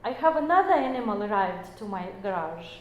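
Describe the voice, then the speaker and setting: A woman's voice: mid-range voice, very animated, a little fast, dull audio, a little hiss or hum. A woman in her forties giving an explanatory lecture, speaking English as a with many fillers and self-corrections. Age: 40s. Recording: echoey room.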